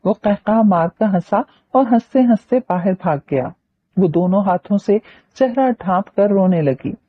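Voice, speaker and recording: A woman narrating a novel in an expressive storytelling voice. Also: medium pitch, unhurried. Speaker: audiobook narrator. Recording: dull lo-fi audiobook recording.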